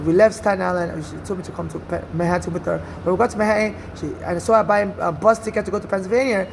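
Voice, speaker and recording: A Nigerian man from Nigeria, speaking with a Nigerian accent, tells a story from his own experience in a casual first-person monologue. His high-pitched, creaky voice moves very fast with fairly even intonation over background noise. He comes across as earnest and rambling, often restarting and saying "you know."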